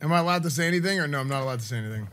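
Male streamer, thirties, expressive self-deprecating banter, very wide pitch swings. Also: racing. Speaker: livestreamer. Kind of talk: casual livestream banter. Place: indoor room at home. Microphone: streaming mic on boom arm.

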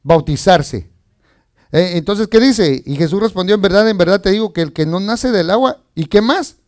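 A man's voice: high-pitched, lively intonation, moderate pace, darkish tone. A man preaching as pastor, reading scripture and asking the congregation questions in a chatty, conversational way. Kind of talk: sermon.

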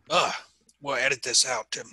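A man presenting a coding session over a video call, friendly and agreeable, clearing his throat from coughing fits. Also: mid-range voice, sharp tone, no echo, low-quality recording. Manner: friendly, agreeable, frequent brief acknowledgments. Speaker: meetup presenter.

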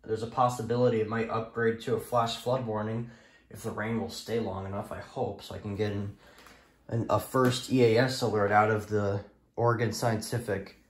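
This young American man speaks at a moderate pace in a fairly low, level voice, showing items to the camera while rambling, hesitating and repeating himself. It's a casual, unplanned show-and-tell by a hobbyist video maker. He shoots handheld on his phone in a small, echoey room at home.

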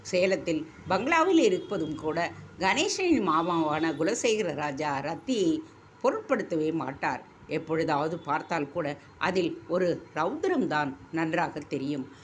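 A woman reading a story aloud in a measured, expressive way. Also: low-pitched, a little hiss or hum. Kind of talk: scripted story narration.

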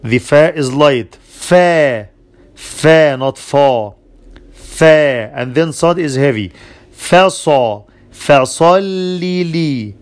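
Man, recitation teacher, fairly high voice, very slow, drawn-out words. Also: animated. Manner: slow and deliberate, repeating and drawing out each word. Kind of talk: slow tajweed lesson with recitation.

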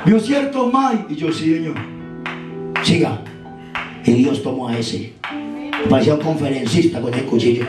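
A man with a Colombian accent telling his testimony in an animated sermon, acting out the voices in his story. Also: medium pitch, normal speed, pauses often. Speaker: preacher giving his testimony. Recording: echoey hall, far from mic, music behind.

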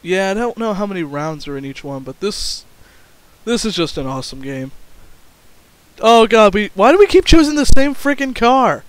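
A young man with a high voice gives casual gameplay commentary as host, and his pitch leaps all over the place. He is excitable and breaks into yelps and shouts at the action on screen. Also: normal speed, smooth. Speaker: gaming channel host.

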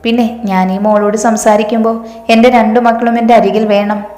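A woman's voice: fairly high pitch, flat delivery, moderate pace, mellow, natural voice. A woman reading the lines of a stern, grieving middle-aged father who scolds and commands, in an echoey room with a long reverb.

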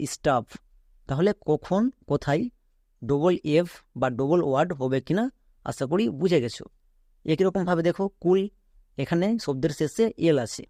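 Mellow-voiced male tutor spelling words aloud. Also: a little high, no echo, studio quality. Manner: asks students questions, then answers them himself. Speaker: English teacher. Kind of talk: online reading lesson.

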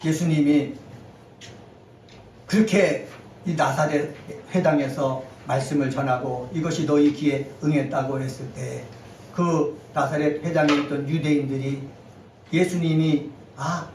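A man with a high-pitched voice preaches a Sunday sermon, swelling to near-shouts on key lines and leading the congregation to repeat phrases after him. He is caught from some distance in a reverberant church hall. A faint hiss sits under his voice. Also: fairly even intonation, measured pace. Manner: leads the congregation in call-and-response. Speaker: pastor. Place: church sanctuary.

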